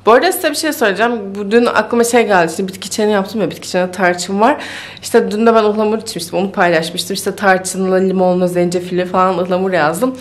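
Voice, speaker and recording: A woman's voice: mid-range voice, fairly even intonation, fairly quick. A woman chatting casually in a home vlog, thinking aloud and easily amused, with faint music behind her. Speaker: vlogger. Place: home kitchen.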